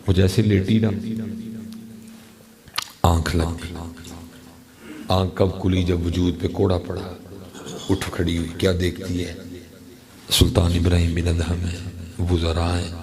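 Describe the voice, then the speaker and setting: A man's voice: low-pitched, creaky. A man preaching a storytelling sermon, slipping into asides and chanted verse.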